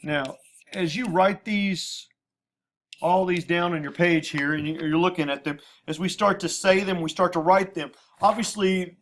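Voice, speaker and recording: A man's voice: high-pitched, a bit bright, slight background noise. A man teaching a lesson at a whiteboard, patiently repeating terms and spelling out abbreviations. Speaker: math teacher. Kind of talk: classroom lecture at a whiteboard.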